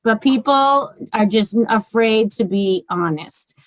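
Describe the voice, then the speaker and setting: A woman's voice: on the high side, slow, no room sound, low-quality recording. A woman in her forties with a Boston accent, chatting bluntly on a podcast as a guest author and swearing freely. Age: 40s. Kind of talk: casual podcast chat.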